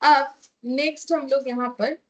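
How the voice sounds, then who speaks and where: High-voiced woman teaching a math class. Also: fairly even intonation, moderate pace, low-quality recording. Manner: explains step by step, checks in with frequent "okay".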